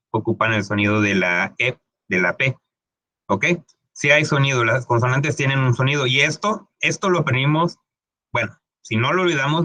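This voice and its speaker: A medium-pitched man whose voice sounds pushed and bright teaches an easygoing English pronunciation lesson with no echo. He draws out sounds to demonstrate, frequently checks "¿ok?", and uses plenty of fillers and restarted sentences.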